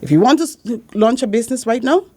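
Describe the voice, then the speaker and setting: Quick and mellow, with a fairly high pitch and big swings in intonation, this woman gives interview answers. Hailing from Saint Martin in the Caribbean, the Dutch-accented business support consultant earnestly advises and repeats her key points.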